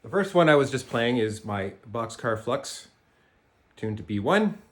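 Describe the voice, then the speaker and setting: Canadian man teaching jaw harp. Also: mid-range voice. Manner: relaxed, halting with fillers and restarts. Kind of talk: casual tutorial.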